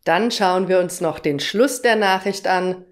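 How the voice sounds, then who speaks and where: A young woman teaching German, explaining everyday phrases and their pronunciation with example sentences. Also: lowish voice. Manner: slow, clear explanatory delivery with example phrases.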